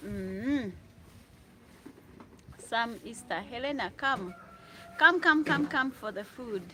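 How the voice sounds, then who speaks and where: A woman's voice: mid-range voice, background noise. A Ugandan woman hosting a casual livestream from her room, chatting with viewers, reading out their comments and laughing often. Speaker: livestream host. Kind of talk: casual live chat with viewers.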